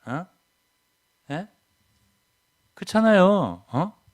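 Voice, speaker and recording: An older man preaching a sermon as a pastor, emphatic, often checking in with the congregation with a quick question. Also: sing-song. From South Korea. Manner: emphatic, keeps asking "예?" to the congregation; swings between loud stresses and low asides.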